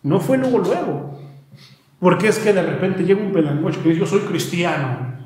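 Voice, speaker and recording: A man's voice: sits high, lively intonation, normal speed, a little mellow. Mexican preacher man in an echoey hall. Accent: Mexican Spanish. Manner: emphatic, rhetorical questions, shifting pace. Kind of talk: sermon. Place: church hall.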